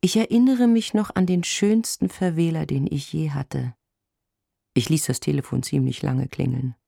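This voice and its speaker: A man reading a first-person story aloud, wry, melancholic and deadpan. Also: on the high side, normal speed, gravelly, dry recording, clean studio sound. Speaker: narrator.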